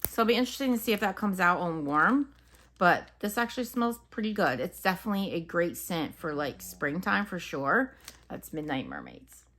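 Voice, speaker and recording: A woman's voice: on the low side, very animated, moderate pace, a bit bright, slight background noise. A woman casually reviewing wax melts, chatting and musing aloud as she describes each scent. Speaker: home fragrance reviewer. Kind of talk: casual unscripted product review.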